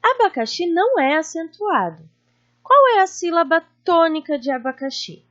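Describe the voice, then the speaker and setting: A Brazilian woman teaching young pupils in a recorded lesson, her voice high and very lively as she stretches out stressed syllables. She keeps asking the class if all is well. The recording sounds dull and lo-fi. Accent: Brazilian Portuguese. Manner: slow, drawn-out stressing of syllables; warm teacherly questions to pupils. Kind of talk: recorded online lesson for children.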